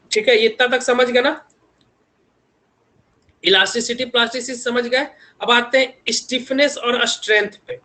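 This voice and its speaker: High-voiced man teaching an engineering class. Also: sharp tone. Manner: repeats tag questions constantly, homely examples. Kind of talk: online engineering lecture.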